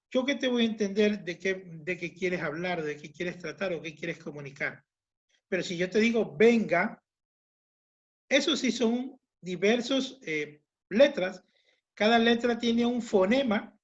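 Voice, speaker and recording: A male teacher with a notably high voice explains grammar patiently, going over each point again with simple examples. The recording is dull and lo-fi, with the top end muffled. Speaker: language teacher. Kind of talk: online class lecture.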